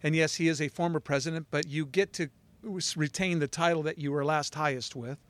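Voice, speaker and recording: A man's voice: on the high side, fairly even intonation, a little fast, no room sound. A man preaching a sermon in a rambling, emphatic way, with many restarts and fillers. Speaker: pastor.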